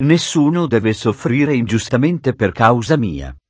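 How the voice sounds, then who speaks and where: A man reading a storybook, voicing a stubborn peasant man who gives himself up, in a lower, solemn tone. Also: big pitch swings, measured pace, darkish tone, slightly rough, no echo. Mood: resolute.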